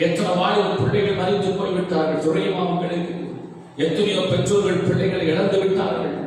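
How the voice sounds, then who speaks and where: A man's voice: sits high, level tone, a little fast, darkish tone, slight background noise. A man pastor preaching an impassioned sermon, firing rhetorical questions at his congregation. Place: large church hall. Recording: echoey church hall recording from far off.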